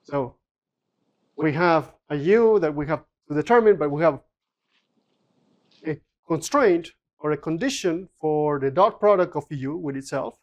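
Lecturer, mid-pitched, explains calculations aloud, halting and self-correcting. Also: animated, a little mellow. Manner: explanatory, with frequent restarts and fillers. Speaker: physics lecturer. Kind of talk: university lecture. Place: lecture room.

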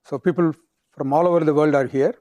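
A man with a South Indian accent giving an academic physics lecture in halting phrases with pauses. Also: fairly high pitch, fairly even intonation, dark tone.

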